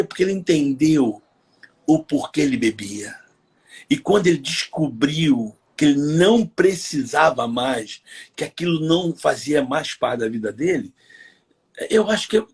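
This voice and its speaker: A pastor in his middle years tells a heartfelt story in a live interview, his voice strongly husky and raspy, set a little above the usual male pitch. He talks earnestly and leans on fillers as he goes. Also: animated, moderate pace. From Brazil. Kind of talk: personal testimony in a live interview.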